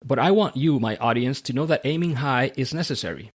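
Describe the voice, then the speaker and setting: A man from Central America, hosting a podcast in a measured, read-aloud manner. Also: mid-range voice, slightly rough. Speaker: podcast host. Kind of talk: scripted podcast monologue and interview.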